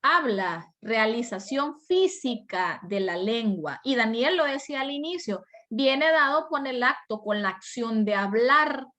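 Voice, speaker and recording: A woman's voice: fairly high pitch, lively intonation, unhurried, few pauses, bright, forceful tone. A woman from El Salvador with a Salvadoran accent, teaching an online class over a video call. She explains step by step and answers her own rhetorical questions. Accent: Salvadoran Spanish.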